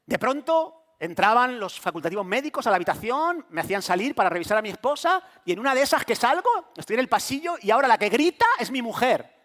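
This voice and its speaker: A middle-aged pastor delivers his sermon in a high, light voice. He tells his story vividly, acting out the voices of the people in it as he goes. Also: big pitch swings, fast talker, few pauses, fairly bright tone. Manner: storytelling preacher who acts out quoted voices.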